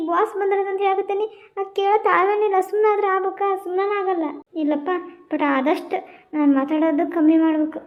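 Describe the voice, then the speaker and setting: A woman voicing Radha, a chatty young office worker who talks too much, with a North Karnataka accent and rapid gossipy chatter. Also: very high-pitched, phone-quality sound. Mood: teasing. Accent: North Karnataka Kannada.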